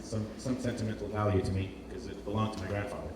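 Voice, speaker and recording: In an indoor event space with heavy echo, a Portuguese designer presents informally at a quick pace. His voice sits on the low side with a flat delivery, and he hesitates, repeating words as he gropes for phrasing. The live hall recording is noisy, roomy and distant.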